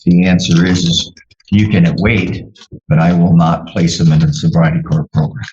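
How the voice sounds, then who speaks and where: Deep-voiced judge on a courtroom recording. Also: male voice, fairly even intonation, darkish tone. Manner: measured, procedural, pauses with fillers. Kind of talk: formal court proceedings. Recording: roomy, dull courtroom recording with faint hiss.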